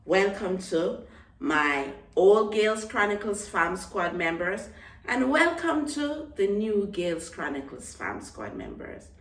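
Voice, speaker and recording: A young Jamaican vlogger chats casually to camera in a Jamaican accent, repeating words for emphasis. Her medium-pitched voice is very animated and slow-paced. She sits far from the mic, so the sound is roomy.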